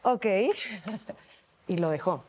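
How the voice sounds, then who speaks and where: On a talk show panel, a Mexican woman in her thirties chats casually, telling personal stories animatedly and acting out the voices she quotes. She speaks fairly quickly, at a fairly high pitch.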